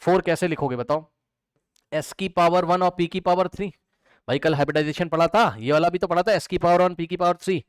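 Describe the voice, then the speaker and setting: A man's voice: sits high, fairly even intonation, fairly quick, smooth, no room sound. A man teaching chemistry to students in a lecture, who asks questions and answers them himself and repeats the key terms.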